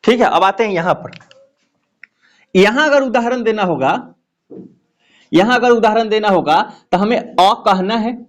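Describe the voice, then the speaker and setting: This high-pitched man is teaching grammar in a lecture setting. His explanations come slowly, he returns to key phrases repeatedly, and he keeps asking the class questions.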